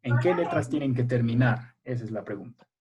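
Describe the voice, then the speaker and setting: On a very noisy recording, a man teaches a primary school language class via video call, speaking in an animated, mid-range voice at a slightly fast pace. He stays patient and encouraging as he quizzes the pupils, checking in often with "a ver" and "¿ya?".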